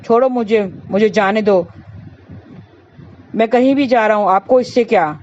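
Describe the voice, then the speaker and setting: A woman's voice: medium pitch, measured pace, a little mellow, slight background noise, lightly acted. A woman voicing an angry, fed-up husband who repeats himself, in a slightly dull recording. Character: hot-tempered desperate middle-aged husband.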